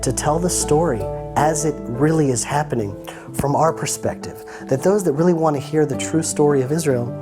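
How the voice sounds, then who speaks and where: A man in his thirties from Atlanta, United States, appears as an interview guest and gives an earnest personal testimony in short, fervent phrases. His voice is on the high side, moderately paced, and heard over music.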